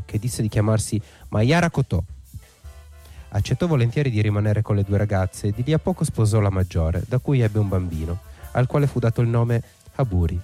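Dark-voiced male storyteller, faint music. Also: fairly low pitch. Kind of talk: folk tale reading. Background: faint instrumental music.

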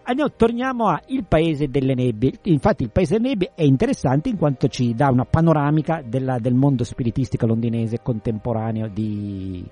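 A man's voice: medium pitch, animated, a little fast, hardly any pauses, dark tone, faint music behind. A man hosting a radio talk, explaining in a casual way and often correcting himself mid-sentence. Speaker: radio host.

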